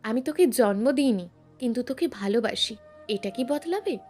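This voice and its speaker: Woman voicing a soft-spoken grieving mother. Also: a little high, expressive, moderate pace, soft background music. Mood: tender. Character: gentle middle-aged mother, tender and grieving.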